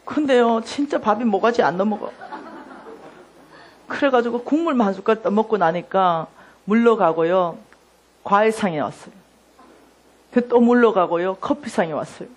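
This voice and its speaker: A middle-aged woman giving a sermon testimony, telling her story with lively acted-out dialogue. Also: medium pitch, moderate pace, long pauses. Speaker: lay minister giving testimony.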